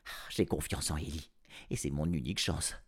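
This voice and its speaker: A man narrating an audiobook in a playful, expressive first-person style. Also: a bass voice, moderate pace, breathy edge. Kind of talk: audiobook storytelling.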